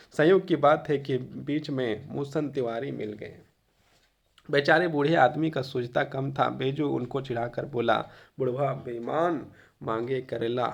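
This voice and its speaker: A male Hindi teacher who reads a textbook passage aloud and then explains it in casual spoken Hindi, often pausing on filler phrases and sometimes coughing. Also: medium pitch, vocal fry. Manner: occasional coughs. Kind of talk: reading and explaining a textbook chapter.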